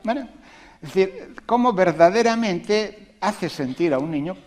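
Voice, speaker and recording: Invited to talk about education, this man speaks to an audience with energy and emphasis, mixing in rhetorical questions and chatty asides. His voice is high, and his pace a little slow.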